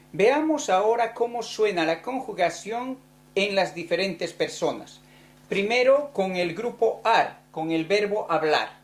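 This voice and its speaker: A woman explains grammar in an unhurried, careful lesson voice. Her voice sits a little low for a woman, and she lingers on each word as she sounds out the forms one by one. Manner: slow, deliberate, spelling out verb forms. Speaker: Spanish teacher.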